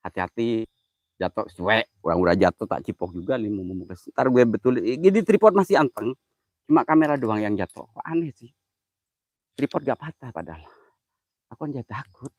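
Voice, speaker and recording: A man's voice: mid-range voice, animated, normal speed, a little mellow, no room sound, studio quality. A man, hosting a ghost-hunting livestream outdoors at night, joking nervously and calling out viewers by name. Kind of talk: casual live commentary.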